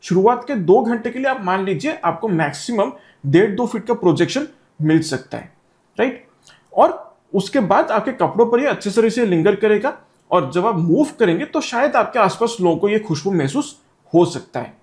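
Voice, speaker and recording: High-voiced man reviewing perfumes. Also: expressive, normal speed, darkish tone. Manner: explanatory, mixing Hindi and English. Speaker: fragrance reviewer. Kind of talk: product review talk to camera.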